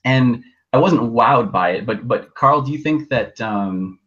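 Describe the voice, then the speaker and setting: A man talking as a podcast co-host in casual chat, heard through a low-quality internet call, halting and often restarting his words. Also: expressive, fairly bright tone. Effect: low-quality internet call audio. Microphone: video call. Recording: dull lo-fi video call line.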